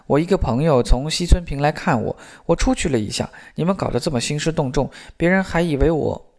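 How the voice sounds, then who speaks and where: A man's voice: fairly high pitch, expressive, brisk, creaky, a little mellow. A man reading the lines of a nervous teenage schoolgirl who answers hesitantly and defensively. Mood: annoyed. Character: shy, flustered teenage schoolgirl.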